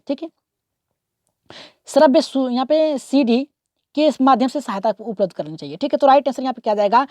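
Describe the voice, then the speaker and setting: A woman's voice: high-pitched, a little mellow, no echo, clean studio sound. A woman teaching an online exam-prep lesson, working through multiple-choice questions. She keeps asking rhetorical questions, repeats "okay" often and urges viewers to comment and subscribe.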